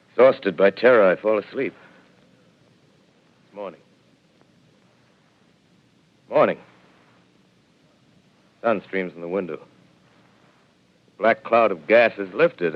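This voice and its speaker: An actor playing a lone, shaken professor surviving an invasion, narrating gravely in a 1930s radio drama heard through old AM radio sound. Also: male voice, low voice. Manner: grave, measured, reflective. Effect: old AM radio broadcast sound. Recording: muffled 1930s AM radio broadcast.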